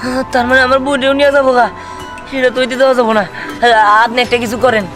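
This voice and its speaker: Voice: high voice, steady tone, rapid-fire, fairly bright tone, faint music behind. A performer playing an anxious, protective village boy in a drama, stammering and pleading urgently with a rural Bangladeshi accent. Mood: alarmed.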